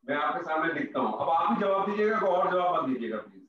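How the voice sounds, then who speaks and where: A man's voice: fairly high pitch, big pitch swings, a crowd in the background. A male Arabic grammar teacher giving an online class, patiently drilling students with repeated example sentences. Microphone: online call audio. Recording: dull roomy call audio with faint noise.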